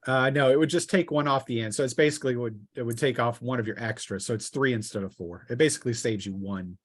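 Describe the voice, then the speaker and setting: A fast-talking man of medium pitch runs a tabletop RPG as game master from home. On an online group call, he narrates combat and explains the rules in a relaxed way, heard through a close internet-call microphone.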